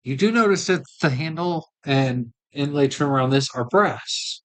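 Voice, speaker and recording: A game master with a medium-pitched voice narrates a tabletop role-playing game. The delivery is that of live play, setting scenes and calling for rolls. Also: expressive, normal speed. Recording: livestream group game session.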